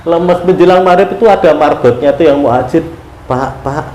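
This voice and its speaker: A man telling a long story in a casual interview, animated, often laughing and acting out his prayers. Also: on the high side, brisk. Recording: roomy room with faint ambient noise.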